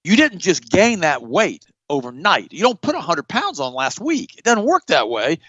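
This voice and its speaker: A middle-aged man hosting a show, telling stories in a blunt, animated way and jumping up in pitch for emphasis. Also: moderate pace, breathy edge, dry recording, highs cut off. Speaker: podcast host. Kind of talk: casual storytelling chat.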